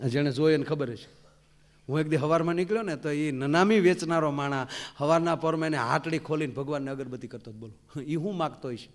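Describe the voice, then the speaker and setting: A man's voice: on the high side, fast. A man, a folk comedian, telling jokes on stage and acting out the characters. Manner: animated, acts out characters, big loud swings. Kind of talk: live stand-up storytelling.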